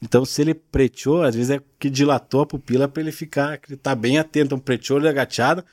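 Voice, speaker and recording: A man's voice: medium pitch, steady tone, fast talker, no room sound, clean studio sound. A man, the guest on a podcast, patiently explaining regional expressions in casual chat. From southern Brazil. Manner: patient, explanatory, frequent tag questions. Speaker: guest, gaúcho culture content creator.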